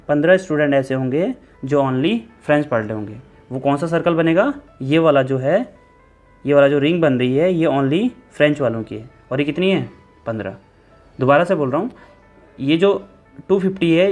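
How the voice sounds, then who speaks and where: A man with a slightly high voice teaches a maths lesson for an exam. He walks through each step, repeats the key numbers and corrects himself as he goes. Faint background music plays under his voice. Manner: steady explaining, repeats steps, self-corrects. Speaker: maths tutor.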